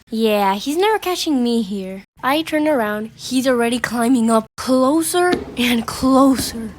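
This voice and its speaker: A young woman narrates funny childhood mishaps in a slightly high voice. She is animated and self-mocking, and she acts out the quoted lines as she goes. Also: slight background noise. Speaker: storytelling animator. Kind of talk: comedic storytime narration.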